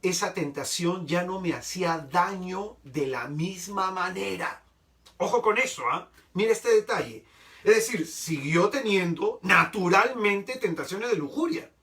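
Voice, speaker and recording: A man's voice: high voice, lively intonation, measured pace, a bit bright, far from the mic. A man preaching a sermon, telling testimonies expressively and often adding rhetorical tag questions.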